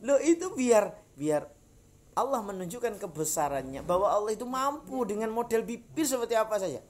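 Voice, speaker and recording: Male preacher, Javanese accent, animated and jokey, echoey outdoor pickup. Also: high voice, moderate pace. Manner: jokey, acts out little dialogues, laughs often. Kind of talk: relaxed Quran study talk to an elderly group. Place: outdoor park gathering.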